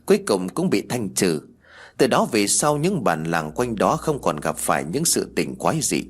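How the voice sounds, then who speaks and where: A man tells a ghost story as scripted narration, dramatic and expressive. His voice is husky and on the low side, and it rises and falls widely.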